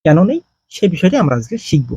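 A man teaching a language grammar lesson, explaining slowly and answering his own questions. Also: on the high side, sing-song, a little mellow, husky, dry recording.

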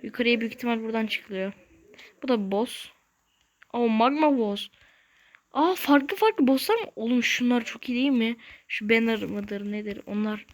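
A woman hosting a gaming channel, giving casual let's-play commentary in short, excitable bursts with slangy exclamations and mild curses. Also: on the high side, normal speed. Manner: talks to self while playing, short bursts.

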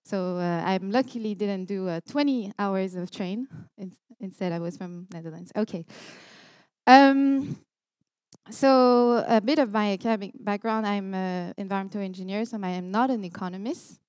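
A young Montreal woman with a Quebec French accent gives an earnest keynote at a conference, full of ums and restarts. Her mid-range voice is clean and a little mellow, moving at a moderate pace, and a headset mic picks her up in a large lecture hall.

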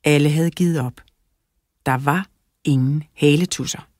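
A woman narrating a children's audiobook in a clear, even storytelling manner, close to the mic. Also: sits low, dry recording. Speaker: audiobook reader.

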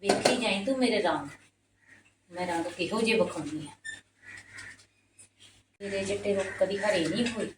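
A woman playing a sharp-tongued, complaining stepmother in a Punjabi family skit, arguing and grumbling. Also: mid-range voice, normal speed, long pauses. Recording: roomy echo, distant mic, noisy background.

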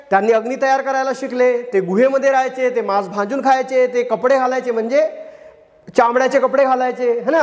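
A man's voice: very high-pitched, long reverb tail. A man teaching a history lesson. He speaks with a Marathi accent, keeps asking the class questions, answers them himself and repeats the key words. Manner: often adds a tag question. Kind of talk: classroom lecture.

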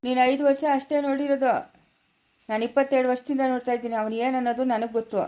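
A woman's voice: sits high, fairly even intonation, very fast, warm tone, close to an everyday voice. A woman voicing a blunt, gossiping male relative with a rural Karnataka Kannada accent in a cartoon family drama. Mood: ominous. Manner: ominous, blunt.

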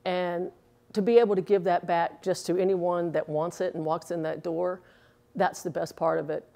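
With little pitch movement, a woman in her sixties speaks at a normal speed in a fairly low, creaky, mellow voice. Once a pro bowler, she chats earnestly in a casual interview with filler words, wearing a lapel mic indoors at a bowling alley.

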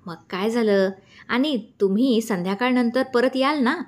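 A woman voicing a gentle young teacher who speaks in a soothing, reassuring way. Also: on the high side, moderate pace, voice pushed up, lightly acted.

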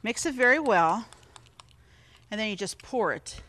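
A woman's voice: mid-range voice, lively intonation, unhurried, a bit bright. Chatty woman hosting a cooking show. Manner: chatty and encouraging, talks straight to viewers; explains each step as she works. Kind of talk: TV cooking demonstration.

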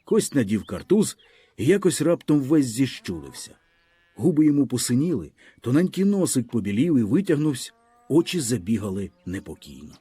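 Animated, husky male storyteller. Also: mid-range voice, fairly quick. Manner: expressive storytelling with vivid dynamic reading. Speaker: audiobook narrator. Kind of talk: scripted literary narration.

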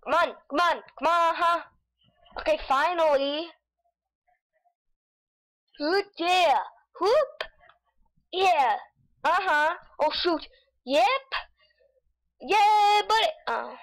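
A woman giving excitable gameplay commentary, with frustrated outbursts and silly nonsense sounds. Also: extremely high pitch, very slow, long pauses, poor audio. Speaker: gamer. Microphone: desk mic with face cam.

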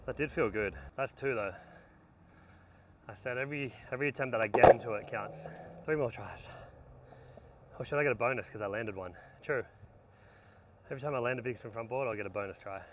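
Tired and coaching himself between attempts, a skateboard vlogger in his thirties speaks briskly at medium pitch, leaving long pauses. He's at an outdoor skate spot in strong sun, recorded by a distant camera mic with slight background noise.

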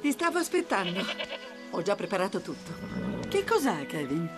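An affectionate elderly grandmother, played by a woman in a TV drama. Her intonation is lively and music runs clearly behind her. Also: mid-range voice, normal speed, close to an everyday voice. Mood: caring. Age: older. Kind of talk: dubbed TV drama acting.

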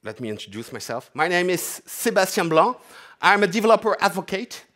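With a high, sing-song, somewhat bright voice and a brisk pace, this French-accented man in his forties delivers a chatty, self-deprecating live demo from a large conference stage. Half French and half Dutch, he speaks as a developer advocate.

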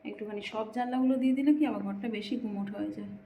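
A young woman and mother talking softly through her home vlog, keeping her voice low so her child can sleep. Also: steady tone, very fast, gravelly. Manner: hushed, soft-spoken so a child can sleep. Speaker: vlogger and mother. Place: small room at home, indoors. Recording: echoey room with faint background noise.

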